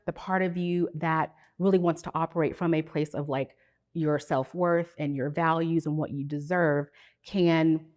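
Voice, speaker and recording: Low-voiced woman therapist explaining calmly. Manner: explanatory, measured, educator's tone. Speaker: psychotherapist guest. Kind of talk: podcast interview.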